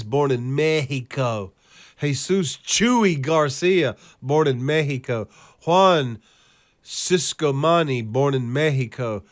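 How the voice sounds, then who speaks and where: Slow-talking profane man ranting. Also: mid-range voice. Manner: profane, scornful and sarcastic; reads out lists in a flat, steady cadence. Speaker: host of a current-events video channel. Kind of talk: ranting commentary over clips.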